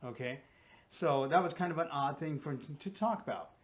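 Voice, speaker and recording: A guest profiler with a fairly high-pitched male voice talks a little fast. He lays out his theory in casual conversation, frequently checking in with "right?" and "okay?".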